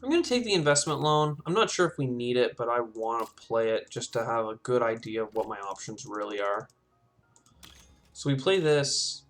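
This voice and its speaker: A man's voice: mid-range voice, expressive, normal speed, a bit bright, faint music behind. A man commenting casually on his own game as he plays, thinking aloud and talking himself through each choice. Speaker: gameplay commentator. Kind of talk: casual let's-play commentary.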